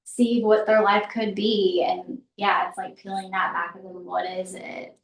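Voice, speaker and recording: A woman's voice: mid-range voice, level tone, measured pace, vocal fry. A woman at a wellness workshop sharing her own experience, a bit hesitant and searching for words. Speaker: workshop attendee. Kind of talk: sharing in a group discussion. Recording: echoey room.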